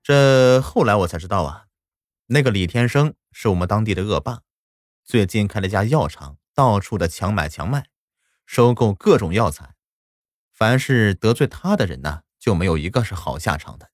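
A man narrating a first-person story in a lively, animated way. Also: lowish voice, moderate pace, no echo, studio quality.

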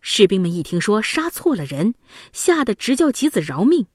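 A woman narrating a classic children's story in an expressive, dramatic way. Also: medium pitch, moderate pace, breathy edge, no echo, studio quality.

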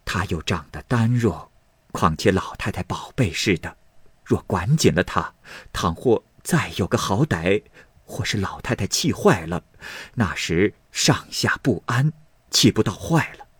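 A man voicing a worried noble mother of nearly fifty in a storybook reading, speaking low and gravely. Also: animated, unhurried, dry recording, exaggerated voice. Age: 40s.

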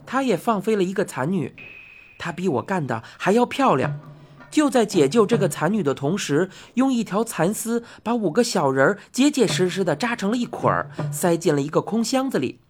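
A woman narrating a children's storybook in an expressive reading style. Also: medium pitch, slightly rough.

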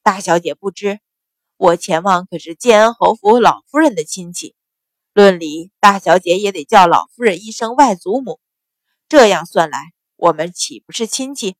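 A woman voicing an arrogant, bullying male steward who blusters and shouts. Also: medium pitch, moderate pace, no echo, natural voice. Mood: smug.

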